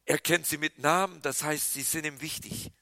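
A man preaching a sermon as pastor, animated, with loud emphatic lines that drop to hushed quiet passages. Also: fairly high pitch, normal speed, creaky, no echo.

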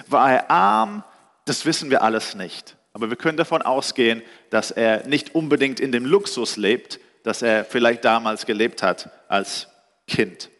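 Animated German preacher in an echoing hall. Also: male voice. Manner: storytelling, animated, with shifting pitch and pace. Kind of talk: sermon retelling scripture. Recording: reverberant hall.

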